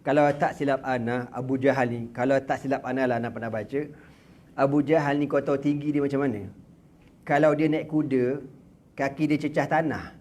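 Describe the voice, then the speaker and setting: A man with a Malaysian Malay accent giving a religious lecture in a prayer room, telling the story in a lively, joking way with slang and sound effects. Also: medium pitch, fairly quick. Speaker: religious teacher.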